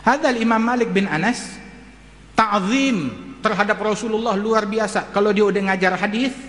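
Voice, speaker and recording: A male preacher, telling stories in an animated sermon and acting out the characters. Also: high voice, moderate pace. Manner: animated, acts out quoted characters. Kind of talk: sermon storytelling. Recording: echoey hall reverb.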